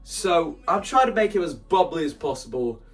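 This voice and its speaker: A video creator with a slightly high, sing-song voice talks at a moderate pace in a casual vlog about staging a musical. He's enthusiastic and rambling, keeps interrupting himself, and acts out quoted lines as he explains his ideas. The mic sits at a distance, with soft music in the background.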